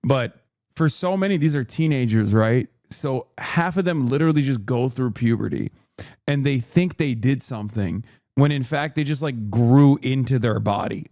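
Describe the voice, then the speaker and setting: A man in his thirties hosts a stream, delivering rambling, emphatic, profane reaction commentary into a close mic. His voice is medium-pitched and mellow, at a moderate pace, with no echo.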